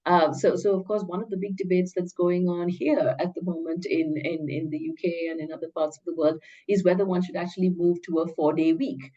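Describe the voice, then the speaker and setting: A middle-aged woman speaking as an academic researcher in an interview, hesitant and measured, often repeating words as she reasons. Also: on the low side, level tone, warm tone, highs cut off. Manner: hesitant, stammering, measured scholarly phrasing. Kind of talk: interview answer, academic discussion.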